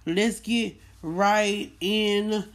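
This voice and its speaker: A woman hosts a podcast in a casual, chatty monologue, repeating phrases for emphasis. Her medium-pitched voice stays steady, and she draws out her words.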